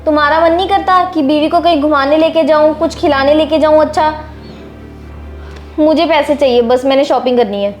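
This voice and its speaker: An actress playing a spoiled young wife who talks in a sharp, bossy, complaining way. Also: female voice, high-pitched, steady tone, fairly quick, faint music behind, natural voice. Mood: scornful. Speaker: daughter-in-law. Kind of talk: short film acting.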